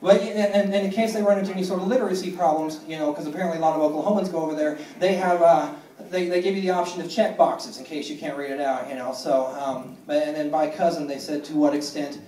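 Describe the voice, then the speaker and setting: Man, stand-up comic, deadpan, halting with fillers, echoey club heard from far off. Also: a little high, slight background noise. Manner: deadpan, self-deprecating, halting with many fillers. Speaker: stand-up comedian. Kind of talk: stand-up comedy set. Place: comedy club stage. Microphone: phone recording from the audience. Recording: echoey room, mic far from stage.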